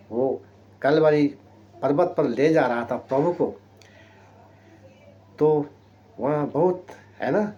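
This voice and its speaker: A man's voice: medium pitch, a little mellow. A man preaching a sermon in a storytelling way, often checking in with tag questions and swinging his voice up and down for emphasis. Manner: rising and dropping sharply for emphasis, frequent tag questions.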